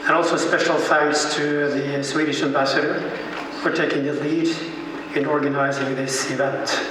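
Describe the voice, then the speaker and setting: A man giving a conference speech in measured, deliberate phrases. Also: fairly high pitch, level tone, noisy background. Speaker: conference speaker. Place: large conference hall. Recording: echoey hall, from far off.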